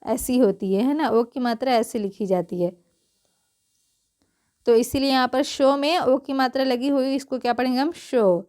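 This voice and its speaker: A woman with a high voice gives a pronunciation lesson in a patient, teacherly way. She spells each word out slowly, says it twice, and keeps asking questions that she answers herself. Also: fairly even intonation, darkish tone. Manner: asks the class questions and answers them herself. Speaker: English teacher.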